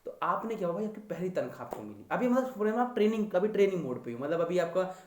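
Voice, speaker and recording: A man's voice: sits high, sing-song, fast talker, a little mellow, echoey room, a little hiss or hum. A young man teaching economics to exam students in a chatty, teasing lecture style. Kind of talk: casual Hindi lecture.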